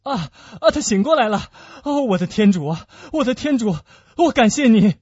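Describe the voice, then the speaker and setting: A man plays a desperate young swordsman in a radio play, pitched up high and urgent. His cries swing wildly from plea to plea. The sound is husky, muffled and dry. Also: big pitch swings, normal speed, mellow, dry recording, heavily acted. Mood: frantic. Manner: urgent, pleading outcries. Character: young hot-blooded male swordsman, frantic. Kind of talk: Chinese radio-play acting. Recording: dull lo-fi dry recording.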